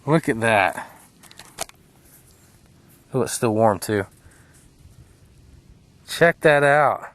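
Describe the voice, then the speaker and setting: A man hosting his own video, giving casual, enthusiastic running commentary to the camera outdoors, chatty and full of pauses, picked up on a camera mic. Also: mid-range voice, lively intonation, a bit bright. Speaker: video host. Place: outdoor shooting spot.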